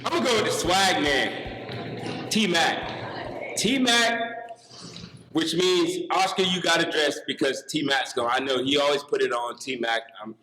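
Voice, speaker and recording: A man answering a quick interview question, hyping up a friend in slangy talk. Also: fairly high pitch, sharp tone, a little hiss or hum, rough recording. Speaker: student interviewee. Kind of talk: casual vox pop answer.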